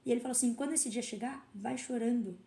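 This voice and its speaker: A woman's voice: a little high, fast talker, warm tone. Woman guest, reflective, roomy sound. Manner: reflective, storytelling with quoted self-talk. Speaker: podcast guest, karate teacher. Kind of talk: casual interview conversation. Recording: roomy echo.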